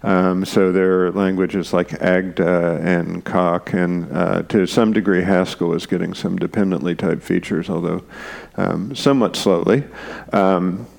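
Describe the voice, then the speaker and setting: A man with a very deep voice and a gravelly, fry-laden texture, answering interview questions. He talks hesitantly, restarting phrases and filling pauses with "um" as he works through technical ideas. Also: fairly even intonation, a little mellow. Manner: hesitant, many fillers and restarts. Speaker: guest programmer and conference speaker. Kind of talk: unscripted technical explanation.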